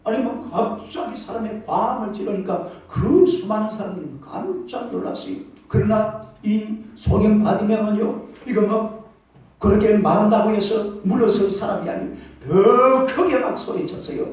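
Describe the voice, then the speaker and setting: Heard from a distance in a reverberant church hall, a man with a high voice preaches at ordinary speed. As pastor, he animates his sermon with vivid stories and invites the congregation to call back.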